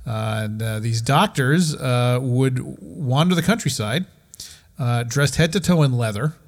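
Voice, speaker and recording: A man's voice: medium pitch, unhurried. Rambling, playful man hosting a podcast. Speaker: podcast host. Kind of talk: casual comedic chat.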